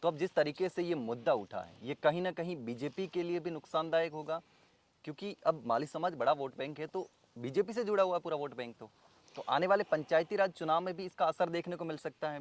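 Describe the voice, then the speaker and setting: A man interviewing a local political figure, asking long, steady questions and giving frequent brief acknowledgments. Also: fairly high pitch, brisk. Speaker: interviewer, reporter.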